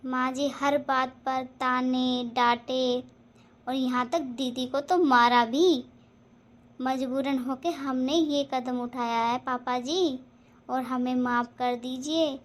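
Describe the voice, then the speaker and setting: A high-voiced younger daughter-in-law in a cartoon family drama. She speaks boldly and stands her ground. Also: lively intonation, normal speed. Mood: apologetic. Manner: bold and defiant, later apologetic.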